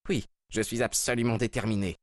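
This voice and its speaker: A man's voice: lowish voice, steady tone, fairly quick, no echo, close to an everyday voice. An agitated husband speaks in a raised, insistent voice, bent on getting his way, as a man reads his part aloud. The recording is dry and close. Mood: urgent. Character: agitated, determined husband, tense and urgent.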